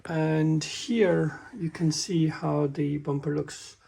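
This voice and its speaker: A man walking through a car repair in a halting, casual way, often stumbling and restarting his sentences. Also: a little high, fairly even intonation, creaky, dark tone, slight background noise. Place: workshop with a work table.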